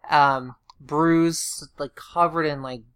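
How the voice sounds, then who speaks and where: A woman chatting casually in a halting, self-deprecating way, her speech slightly impeded as if her mouth is sore after surgery. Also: low-pitched, steady tone, a bit bright, clean tone, no echo, studio quality. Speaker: vlogger recounting surgery recovery. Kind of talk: casual chat, personal video diary.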